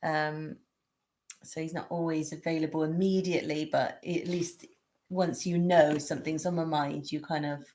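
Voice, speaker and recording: A woman with a Bristol accent co-hosting a relaxed teaching talk on relationships, gentle and matter-of-fact. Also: low voice, moderate pace. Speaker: co-host. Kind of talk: casual teaching chat.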